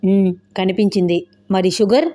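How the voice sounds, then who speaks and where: An agitated young man who won't let things go, firing off questions, read by a woman narrator in a middle-pitched voice. he presses hard, protective and indignant, in a storybook audio drama. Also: normal speed, warm tone, lightly acted. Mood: casual. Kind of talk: audio novel dialogue.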